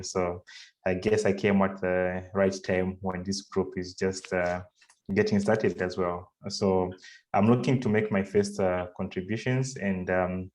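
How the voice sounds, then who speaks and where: A man's voice: low-pitched, darkish tone. A man from Zambia, a developer, introducing himself politely on a video call.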